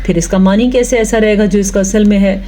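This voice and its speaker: A woman teaching Quran recitation rules, explaining slowly, reciting drawn-out examples and asking if the point is clear. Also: medium pitch, steady tone, mellow, slight background noise. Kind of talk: tajweed lesson with recitation.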